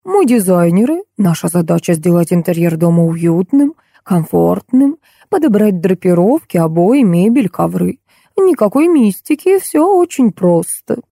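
A woman reading an audiobook voices a calm, composed female interior designer. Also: on the low side, creaky, dry recording, clean studio sound, heavily acted. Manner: calm, measured.

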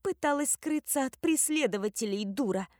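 A woman's voice: sits high, animated, fairly quick, no room sound, studio quality, pitched above the performer's own voice. A woman voicing a small, jealous, spiteful young woman from a sect, hissing and snapping in an audiobook. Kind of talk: audiobook character voice.

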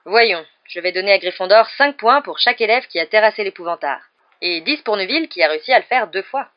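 A woman's voice: on the low side, expressive, fast. A woman reading aloud voices a cheerful, encouraging male magic teacher who praises his class in a raised, carrying voice, on a muffled lo-fi recording. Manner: bright, praising, classroom-loud.

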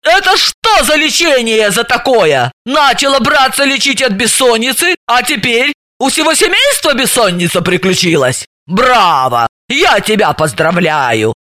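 A woman's voice: on the high side, very animated, a little slow, voice pushed up, heavily acted. A woman voicing a bossy, irate female friend who scolds and rants at full volume. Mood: ranting. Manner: shouting, scolding, ranting.

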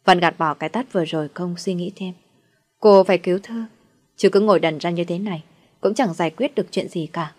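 A woman reading a dramatic story in a steady storytelling delivery. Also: fairly low pitch, brisk. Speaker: narrator. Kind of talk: scripted story narration.

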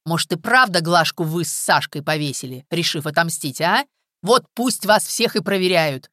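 A woman reading an audiobook, voicing a hard man who sneers loudly and provokes. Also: lowish voice, animated, moderate pace, dry recording, clean studio sound. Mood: scornful. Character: hard, scornful grown man. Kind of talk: audiobook character voice.

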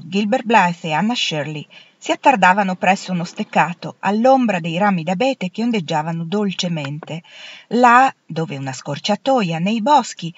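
A woman narrating a novel as an audiobook reader, in a gentle, unhurried storytelling manner. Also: on the low side, no room sound. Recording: dull lo-fi, dry.

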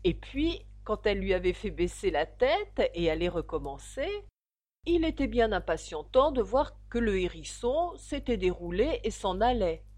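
A woman narrating a classic children's story in an expressive, dramatic reading style. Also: mid-range voice, moderate pace. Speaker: audiobook narrator.

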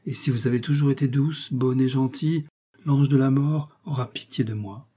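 A man's voice: mid-range voice, steady tone, moderate pace, husky, close to an everyday voice. A man voicing a weary, lonely old ghost. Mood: sorrowful, dreamy. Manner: sad, dreamy, hushed.

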